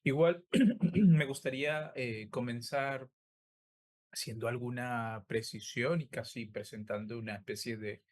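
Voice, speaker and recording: Over a video call, a man delivers an online law lecture with a sore throat and plenty of hesitant filler sounds. His voice sits at medium pitch and his pace is unhurried.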